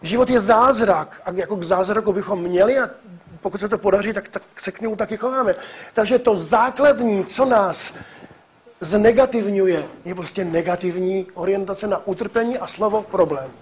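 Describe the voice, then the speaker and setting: A man in his sixties from the Czech Republic giving a public lecture, emphatic and animated, with frequent hesitations and restarts. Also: high voice, breathy edge. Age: 60s. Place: lecture hall.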